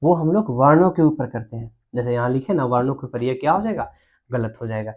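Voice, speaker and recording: A man's voice: mid-range voice, expressive, a little mellow, highs cut off. A young man teaching a Hindi grammar lesson, explaining patiently and often checking whether the students follow. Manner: explains slowly, checks understanding with repeated questions.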